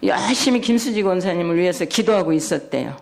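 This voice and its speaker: A woman's voice: fairly low pitch, animated, fast, gravelly, a little mellow. A middle-aged woman giving a personal testimony at a church service, telling her story with animation and acting out the voices of the people in it.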